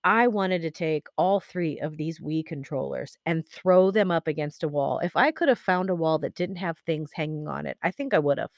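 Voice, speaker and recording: A woman hosting her own podcast, grieving and speaking candidly in a halting, reflective monologue full of pauses and fillers. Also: deep voice, expressive, no echo, clean studio sound. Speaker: podcast host.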